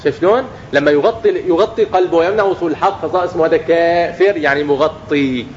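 A man's voice: a little high, fast talker, highs cut off, slight background noise. A man preaching a religious lesson to young people, often asking questions and answering them himself. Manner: acts out everyday speech in quotes.

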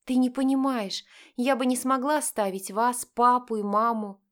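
A flustered young woman, an anxious and caring older sister, as a woman reader puts her on in an audiobook. She talks high and emphatic, in sharp exclamations and worried protests. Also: unhurried, close to an everyday voice. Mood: agitated.

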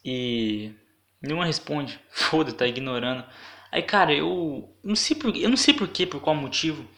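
A young man with a Brazilian accent hosting a casual solo podcast, ranting indignantly with rough swearing and rambling fillers. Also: a little high, animated, normal speed, a bit bright. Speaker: podcast host.

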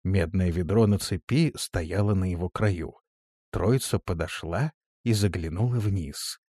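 Low-voiced male audiobook narrator. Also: unhurried, dark tone, husky, no room sound, clean studio sound. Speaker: audiobook reader. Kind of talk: scripted narration.

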